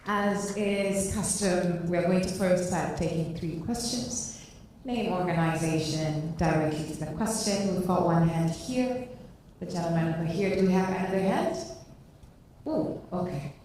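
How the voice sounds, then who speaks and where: A woman's voice: fairly low pitch, warm tone, slight background noise. Woman moderator, distant and echoey. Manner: brisk, organizing. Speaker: session moderator. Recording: distant mic in echoey hall.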